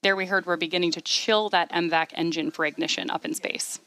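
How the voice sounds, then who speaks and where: A woman giving measured, explanatory live commentary as the host of a launch webcast. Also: lowish voice, steady tone, fairly bright tone, low-quality recording.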